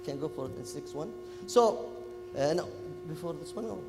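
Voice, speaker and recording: A man from Kuwait with a Gulf Arabic accent, a native Arabic speaker, giving an animated, informal interactive lecture to students and often checking in with them. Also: fairly high pitch, moderate pace, noisy background. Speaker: public speaking workshop lecturer. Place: echoey event hall. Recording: echoey hall, music in the background.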